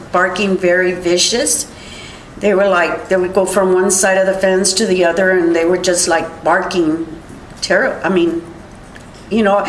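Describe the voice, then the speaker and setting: An older woman giving courtroom testimony, retelling events in a halting, rambling way with many restarts. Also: medium pitch, roomy sound, a little hiss or hum, poor audio. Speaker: witness.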